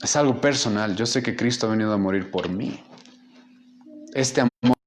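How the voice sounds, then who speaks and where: A man's voice: fairly low pitch, moderate pace, slight background noise. A man preaching a sermon as pastor, impassioned and rising in volume for emphasis.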